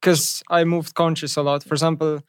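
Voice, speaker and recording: Young man, Slovenian accent, higher-pitched clear voice, dry close sound, blunt and nonchalant, casual interview chat. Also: little pitch movement, fairly quick, dry recording. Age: young adult. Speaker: esports pro gamer guest.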